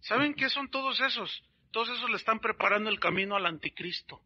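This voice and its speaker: A man preaching a sermon as a pastor, telling stories in an animated way and calling his listeners brothers. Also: sits high, fairly quick, highs cut off.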